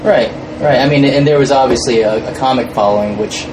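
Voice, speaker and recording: A fan film crew member appears as a podcast guest, chatting casually but hesitantly, often repeating words and trailing off mid-phrase. His voice is medium-pitched and a little fast, recorded in a noisy room with a steady background hum.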